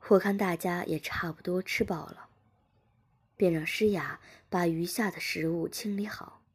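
A woman reading a story aloud in a steady, hushed whispered role-play. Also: lowish voice, husky. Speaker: story reader.

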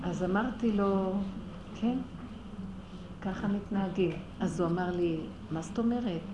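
A woman telling a personal religious story with passion, her voice rising to near-shouting when she is stirred. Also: medium pitch, lo-fi sound. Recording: roomy echo with faint ambient noise.

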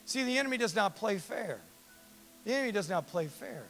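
A pastor preaches to his congregation in an animated, emphatic, conversational way. His voice is very high for a man, bright and edged with gravel. Soft music plays behind him. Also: fairly quick. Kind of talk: sermon. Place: church.

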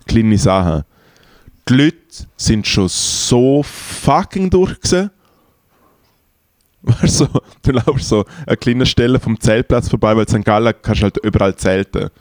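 A man's voice: fairly low pitch, moderate pace, darkish tone, dry recording. A young man with a Swiss German accent telling rambling, slangy stories in casual chat with many fillers. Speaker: podcast co-host.

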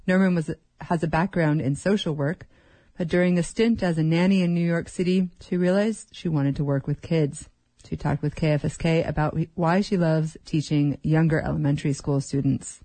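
Female radio host, warm low-key tone, dry close studio sound, even scripted delivery. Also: no echo, poor audio. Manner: even, scripted reading then brief prompts. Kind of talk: radio news intro and interview.

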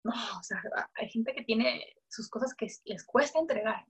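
A young woman with a slightly high voice shares a personal faith testimony in a relaxed, conversational way. She acts out what she once said to herself and keeps circling back with fillers and self-corrections. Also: normal speed, breathy edge. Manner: animated storyteller who acts out her own past words. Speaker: guest sharing a faith testimony.

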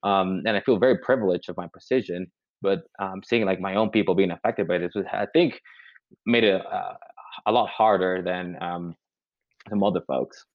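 A man's voice: deep voice, moderate pace, no room sound, highs cut off. A man from the Dominican Republic who grew up in Mexico, a physician talking in a podcast interview, hesitant with many fillers. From Dominican Republic, raised in Mexico.

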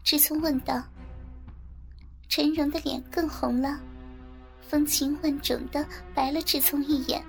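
Woman storyteller with a high voice, calm scripted narration over soft music. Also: measured pace, gravelly, pauses often.

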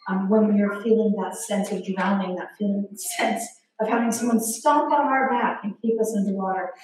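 A woman in her forties preaching a sermon, telling a self-mocking story with animated energy. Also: medium pitch, moderate pace. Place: large church hall. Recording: very echoey hall, distant mic, faint noise.

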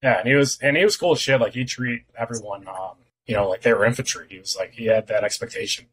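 A man's voice: mid-range voice, quick pace, a bit bright, low-quality recording. A man talking as a podcast guest in loose, candid casual chat, swearing freely.

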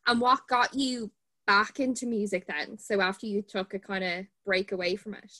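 A woman's voice: medium pitch, fairly even intonation, normal speed, sharp tone. A woman in her twenties with an Irish accent, hosting a podcast in an informal, conversational way. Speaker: podcast host, barrister.

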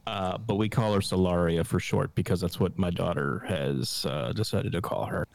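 Easygoing man with a low voice. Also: moderate pace, creaky, no room sound. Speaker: podcast co-host. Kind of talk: casual chat.

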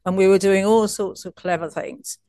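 A woman's voice: medium pitch, fairly even intonation, normal speed, warm tone, dry recording, studio quality. A woman coach as an interview guest, telling stories in a chatty way with frequent restarts and laughs. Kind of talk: casual interview storytelling.

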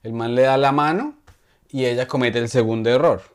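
A man's voice: medium pitch, brisk, smooth. Man, podcast co-host, rambling, self-correcting, casual chat. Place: podcast studio.

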